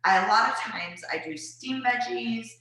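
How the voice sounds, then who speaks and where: A woman's voice: on the high side, moderate pace, creaky, bright, forceful tone. A woman giving casual cooking tips to viewers, chatty and rambling with lots of fillers. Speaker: wellness presenter. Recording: very echoey room.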